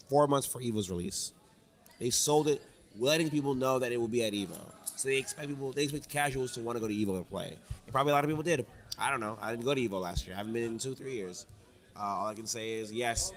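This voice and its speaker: A hungover podcast guest who plays fighting games competitively rambles through casual chat about competitive play, swearing freely. His voice is fairly low in pitch with a fairly bright tone.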